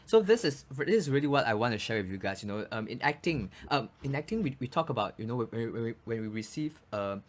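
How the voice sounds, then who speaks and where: Man explaining, lively pitch. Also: quick pace, few pauses. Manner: explanatory, frequent restarts and "you know". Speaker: voice coach and actor, guest. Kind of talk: casual interview chat.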